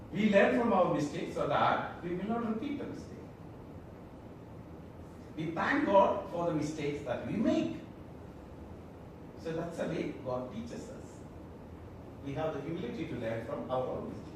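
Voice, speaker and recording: A man with a Malayalam accent leading an interactive training talk as a corporate trainer, often putting questions to his listeners to check they follow. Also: on the high side. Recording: echoey room, distant mic, loud background noise.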